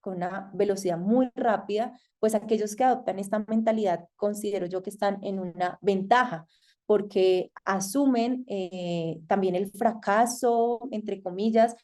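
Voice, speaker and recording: Colombian woman lecturer, soft mellow tone, measured and hesitant delivery, frequent pauses. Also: medium pitch. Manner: thoughtful, hesitant with frequent fillers. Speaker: masterclass lecturer. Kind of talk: online lecture.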